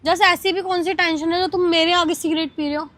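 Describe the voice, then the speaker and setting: Young woman, very high voice, scolding, pleading, casual phone vlog. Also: steady tone, brisk, fairly bright tone. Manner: scolding, pleading, voice rising in anger. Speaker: vlogger. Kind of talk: casual argument on a prank vlog.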